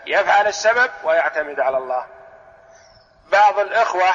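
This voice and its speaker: A man's voice: fairly high pitch, bright, forceful tone. A man, a sheikh, teaching a religious lesson on Quran commentary, explaining methodically and posing questions that he answers himself. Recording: echoey hall, dull lo-fi radio broadcast.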